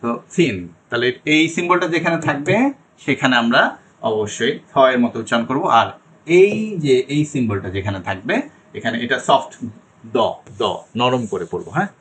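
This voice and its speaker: A young man leads an online pronunciation class. He repeats each sound several times and keeps checking in with his students. His pitch sits in the middle range. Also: big pitch swings, fairly bright tone, slight background noise. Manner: explains slowly, repeats sounds, checks understanding. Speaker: English teacher. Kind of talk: online IELTS pronunciation lesson.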